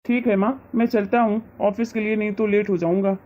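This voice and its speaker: A woman voicing a dutiful grown son in a family skit, speaking calmly and soothingly. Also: mid-range voice, a little fast, dull audio, a little hiss or hum, close to an everyday voice. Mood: gentle. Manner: soothing, conciliatory.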